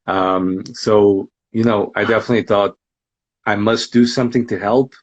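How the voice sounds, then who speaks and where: Low-voiced man in his thirties, halting. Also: fairly even intonation. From Portugal. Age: 30s. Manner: halting, many restarts and ums. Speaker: podcast host and guest. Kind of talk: casual interview chat.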